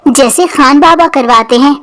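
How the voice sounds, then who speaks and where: A woman's voice: high voice, fairly bright tone. A woman voicing a grown man who acts like a clingy, stubborn child, with a whiny and innocent way of talking. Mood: childlike.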